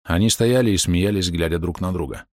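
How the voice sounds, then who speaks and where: A man reading an audiobook narration in a steady, even manner. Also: low-pitched, fairly quick, no room sound, clean studio sound.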